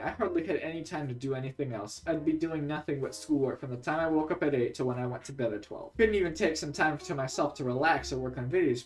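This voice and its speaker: A man's voice: a little high, recorded from a distance. A young American man in his late teens delivering a scripted comedy rant with an exasperated, sarcastic and exaggeratedly cynical manner. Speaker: video creator.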